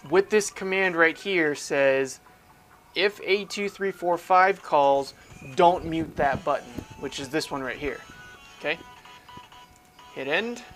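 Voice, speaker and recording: With faint music in the background, a male instructor speaks slowly with frequent pauses in a slightly high, fairly bright voice. He leads a casual step-by-step tech tutorial informally, asking himself questions and explaining as he demonstrates.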